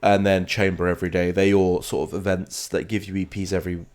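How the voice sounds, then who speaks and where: A London man streams a game with low, slightly mellow vocals, speaking a little quickly in a flat way. His British accent comes through as he rambles casually about the game and chats with viewers, answering them while he plays.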